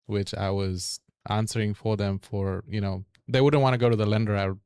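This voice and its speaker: Man with Fiji Indian accent, Fiji Hindi native speaker. Lower-pitched, crisp delivery for conversational panel talk. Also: fairly even intonation, moderate pace, darkish tone, no echo, clean studio sound. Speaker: real estate agent and lender on a panel.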